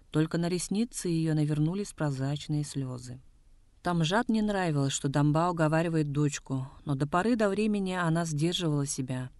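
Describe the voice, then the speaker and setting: Audiobook narrator with a measured, literary delivery and a dry, close sound. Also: medium pitch, no echo. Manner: steady, measured storytelling reading.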